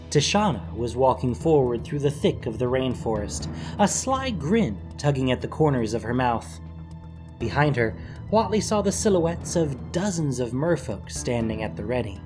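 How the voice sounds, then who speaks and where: Story narrator, lively up-and-down voice, music going under it. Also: mid-range voice, moderate pace. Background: background music.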